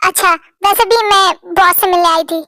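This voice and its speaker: A woman's voice: very high-pitched, normal speed, pushed and bright, dry recording, clean studio sound, full character voice. A woman doing a shy stammering young employee. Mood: chatty. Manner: stammering, flustered. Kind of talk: Hindi fan-story voice acting.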